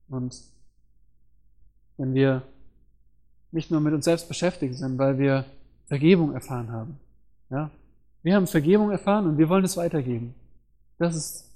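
A man delivers a sermon in an earnest teaching tone, explaining scripture and asking rhetorical questions. His voice sits a little high for a man. Its tone is mellow and dark rather than bright. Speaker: preacher.

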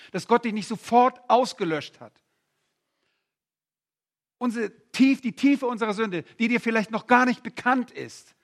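Hoarse, gravelly high-voiced German preacher. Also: male voice. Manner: swings from hushed and slow to loud, fervent exclamations. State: voice worn and hoarse. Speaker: pastor. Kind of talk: sermon.

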